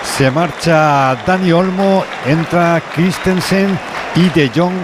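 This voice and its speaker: A man's voice: fairly high pitch, slow pace. A man reporting live from a football stadium on radio. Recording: stadium crowd and noise.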